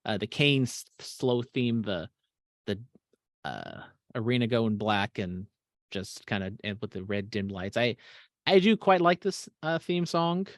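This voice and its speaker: A man's voice: fairly low pitch, very animated, a little slow, dry recording, clean studio sound. A man co-hosting a podcast, chatting casually and swearing freely, often trailing off into mumbles. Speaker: podcast co-host. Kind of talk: casual chat.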